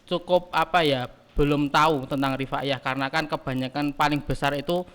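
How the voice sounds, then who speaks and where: A man in his early twenties, a student leader answering podcast questions in a halting way, often pausing to search for words. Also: fairly high pitch, steady tone, a bit bright, clean tone. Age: early 20s. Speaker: guest, student council chairman. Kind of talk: casual podcast interview.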